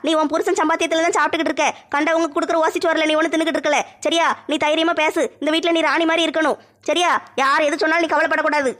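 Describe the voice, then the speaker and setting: A woman playing a firm older mother-in-law keeping peace in a family comedy skit, brisk and scolding. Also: sits high, fairly bright tone.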